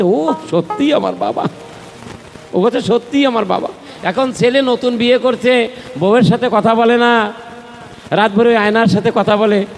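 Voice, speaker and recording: A man with a Bangladeshi Bengali accent preaching a devotional sermon at a temple gathering, telling a story in an animated way and asking the audience questions. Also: very high voice, big-room sound. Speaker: kirtan singer and preacher.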